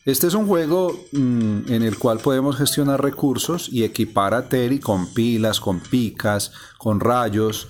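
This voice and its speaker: A man's voice: medium pitch, a little slow, few pauses. Brief: male narrator, methodical gameplay voice-over, faint music behind. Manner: explains step by step, calm and methodical. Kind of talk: casual screen-recording walkthrough. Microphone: voice-over on a phone screen recording.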